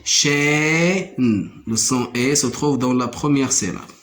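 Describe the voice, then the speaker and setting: A man teaching a primary school French lesson, repeating each word slowly and counting out the syllables. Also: mid-range voice, fairly even intonation, a little hiss or hum.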